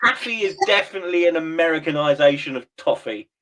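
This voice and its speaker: Sweary joking man, bit high. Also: lively intonation, fast, sharp tone. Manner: sweary, joking, laughs often. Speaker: livestream host. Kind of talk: casual chat.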